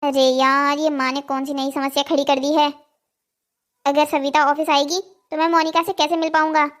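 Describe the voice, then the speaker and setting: A woman's voice: high voice, little pitch movement, normal speed, close to an everyday voice. A woman voicing a sneaky middle-aged husband in a Hindi cartoon story, talking in a coaxing, defensive way. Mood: muttering.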